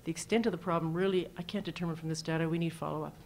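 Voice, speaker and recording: Brief: female surgeon at a lectern, lowish voice, chatty case stories, faint rumble under the recording. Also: fairly even intonation, very fast. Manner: casual, anecdotal, walks through slides with numbers. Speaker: cardiac surgeon presenting at a symposium. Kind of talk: conference presentation.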